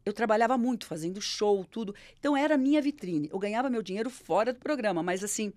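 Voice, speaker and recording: A middle-aged Brazilian Portuguese woman telling stories in an interview, animated and acting out the voices of the people she quotes. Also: mid-range voice, fast, no room sound. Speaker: interview guest. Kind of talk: storytelling in an interview.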